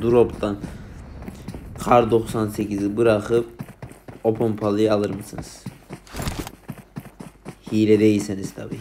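Low gravelly man ranting over gameplay. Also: background noise. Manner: exasperated, ranting at a cheater. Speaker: gaming YouTuber. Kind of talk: casual gameplay commentary.

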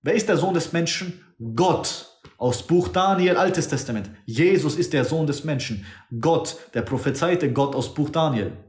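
A man's voice: fairly high pitch, animated, a little slow. A man preaching fervently and insistently, citing scripture verses by chapter and number. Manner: raises his voice to act out quoted speech. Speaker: street-style preacher. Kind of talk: preaching on a social media livestream. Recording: roomy echo.

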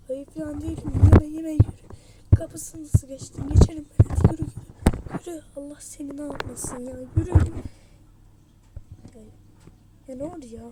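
A young woman with a high voice plays a game with a friend and acts out little scenes. She teases and bickers, loud one moment and whispering the next. Heavy noise runs under the whole recording. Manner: bickering, teasing, switching between loud shouts and hushed whispers. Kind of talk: playful Toca Boca role-play with a friend.

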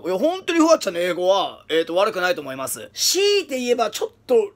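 A man whose first language is English, giving casual, energetic commentary that analyzes English and breaking into demonstration readings. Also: high-pitched, fast talker.

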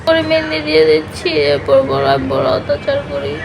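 A young woman playing a soft, deferential daughter-in-law in a playful family skit. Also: high voice, sing-song, normal speed, gravelly, slight background noise, low-quality recording.

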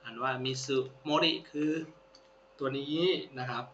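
A man's voice: medium pitch, steady tone, measured pace, fairly bright tone. A man teaching a language lesson, patiently repeating each word and praising his students. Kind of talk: classroom-style lesson. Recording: roomy, dull lo-fi sound with faint hum.

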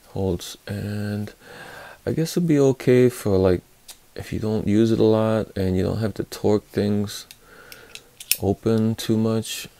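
This tool reviewer has a deep, creaky voice with a dark tone. He gives a casual, hands-on review of a set of hand tools, stumbling through with many fillers and restarts.

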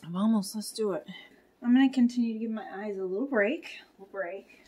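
A woman's voice: mid-range voice, fast talker, a little mellow, slight background noise. A woman chatting casually to viewers and to herself as she cooks at home, reading the recipe steps aloud. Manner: chatty, talks to herself and viewers while cooking. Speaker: home cook reviewing a meal kit. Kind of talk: casual cooking vlog chat. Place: home kitchen.

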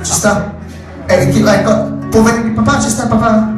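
A man with a Neapolitan accent hosting as a theatrical bingo caller, boisterous and teasing, often shouting, on a microphone in a hall. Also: high voice, steady tone, normal speed, distant mic. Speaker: bingo caller and host of a live Neapolitan tombola show. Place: echoey library hall with seated audience. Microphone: handheld PA microphone, filmed from the audience. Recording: echoey amateur recording, music and crowd noise. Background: music and loud crowd.

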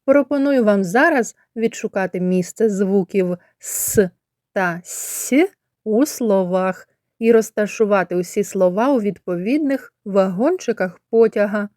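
A woman from Ukraine working as a kindergarten teacher, leading a children's literacy lesson in slow, clear, drawn-out speech. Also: medium pitch, darkish tone, dry recording, studio quality.

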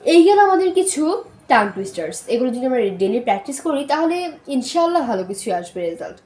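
High-voiced woman teaching recitation drills. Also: big pitch swings, darkish tone. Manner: slow, syllable-by-syllable demonstrations mixed with English words. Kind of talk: spoken recitation lesson with drills. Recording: echoey room with faint noise.

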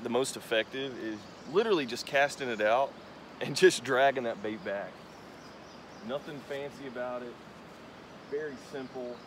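A young man with a mid-range voice hosts a fishing vlog, chatting casually and explaining his technique as he casts from a riverbank. A tripod camera records him from a distance outdoors, and the rushing river current makes the background noisy.

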